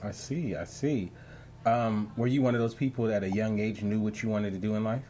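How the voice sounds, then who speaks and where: A man's voice: on the low side, fairly quick, a little hiss or hum. A man hosting an online talk show, chatting casually with lots of fillers and restarts. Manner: relaxed, rambling with many fillers. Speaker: podcast host. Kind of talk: casual interview chat.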